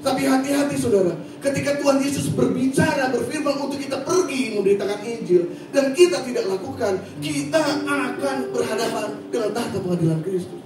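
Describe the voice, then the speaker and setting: A high-voiced male preacher with a Sundanese accent, rousing his flock and pressing them for amens. He is heard from a distance in a cavernous, echoing church hall, with music playing underneath. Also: expressive, fairly quick, hardly any pauses, noisy background. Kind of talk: sermon. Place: church service.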